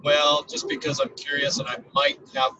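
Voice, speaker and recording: A man's voice: a little high, monotone, normal speed, sharp tone, slight background noise. A man in his sixties co-hosting a podcast from inside a car, his voice tinny and boxed-in as if in a tin can, talking in a rambling, hesitant way. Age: 60s. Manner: rambling, hesitant, trailing off mid-thought. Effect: tinny, boxed-in sound as if inside a tin can. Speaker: podcast co-host. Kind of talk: casual chat. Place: inside a rental car on the road. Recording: dull lo-fi remote line from a car.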